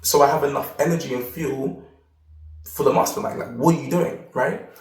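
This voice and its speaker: A man hosting a self-help video tells a rambling personal story in a casual monologue, with lots of repeated words, growing animated when he quotes people. His medium-pitched voice at normal speed sounds far from the mic, giving a roomy, off-mic sound.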